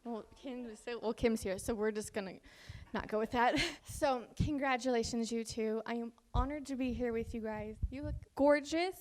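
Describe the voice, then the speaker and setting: A woman's voice: a little high, moderate pace, hardly any pauses, darkish tone. A woman giving a chatty, joking wedding toast as maid of honor, laughing between lines. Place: wedding venue.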